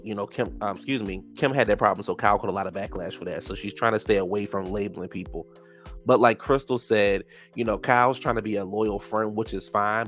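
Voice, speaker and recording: A man with a lowish, fairly bright voice and a stuffed-up nose gives a chatty, sassy recap of a reality show. He calls people "child" and "honey" in casual commentary.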